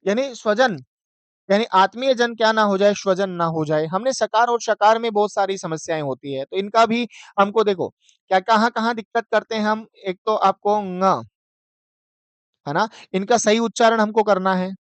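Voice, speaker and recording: Male lecturer, high crisp voice, dry close sound, quizzing style. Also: dry recording. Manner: chants verses slowly, asks and answers own questions. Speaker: teacher. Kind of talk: exam-prep lecture.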